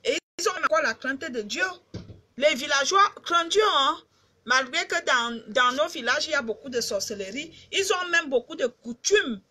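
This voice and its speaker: On a live video stream, a middle-aged Cameroonian woman speaks to her fans directly in a Cameroonian accent, casual, emphatic, and repetitive. Her high voice is animated and sharp in tone, at normal speed.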